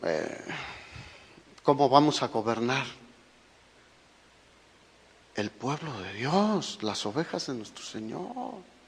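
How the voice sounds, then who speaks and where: A man's voice: medium pitch, big pitch swings, slow, creaky, slightly rough. A man with a Mexican Spanish accent preaching a sermon as a pastor, emphatic and full of rhetorical questions to his listeners. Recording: echoey hall recording.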